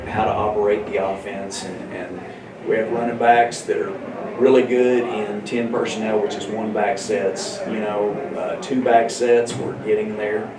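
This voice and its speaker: A football coach in his forties talks casually in an interview, with halting speech, frequent restarts and easy chuckles. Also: lowish voice, recorded from a distance. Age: 40s. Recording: roomy, off-mic, with loud background noise.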